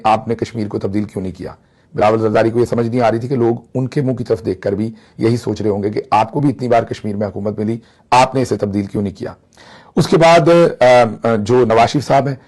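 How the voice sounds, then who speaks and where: A man's voice: mid-range voice, dark tone. A man from Pakistan giving mocking political commentary, slipping into Punjabi phrases.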